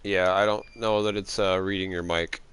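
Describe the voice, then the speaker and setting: Low, smooth-voiced man streaming a game. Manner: relaxed, halting with fillers while troubleshooting. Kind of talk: casual live-stream chat.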